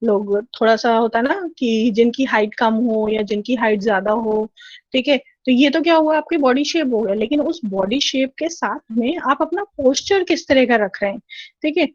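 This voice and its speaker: Woman lecturer, slightly high voice, dry and dull lo-fi recording. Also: normal speed, no room sound. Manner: explanatory, frequent 'theek hai' check-ins. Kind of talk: recorded lecture over slides.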